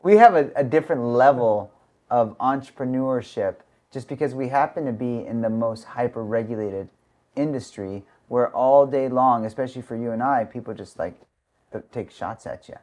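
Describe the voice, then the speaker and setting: A man's voice: mid-range voice, normal speed, a little mellow. Guy hosting a podcast, chill, long rambly questions, says like a lot. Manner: casual, asks long rambling questions with many "like"s. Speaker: podcast host. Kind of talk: casual podcast interview.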